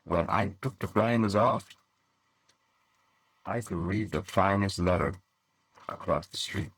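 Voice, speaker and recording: A man's voice: deep voice, unhurried, a bit bright, husky, dry recording. A man in an archive clip telling a rambling personal anecdote, repeating and correcting himself as he goes.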